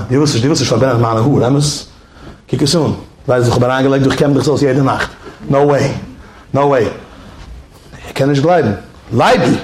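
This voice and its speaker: A man telling a story in a lively way, acting out roars and shouts and mixing English words into his speech. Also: medium pitch, reverberant, slight background noise. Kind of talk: animated storytelling.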